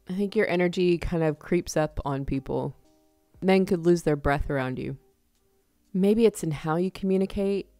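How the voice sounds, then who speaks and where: A woman giving a casual tarot reading to her viewers, chatty and quick to laugh, acting out little examples. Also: low voice, mellow, no echo. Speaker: tarot reader.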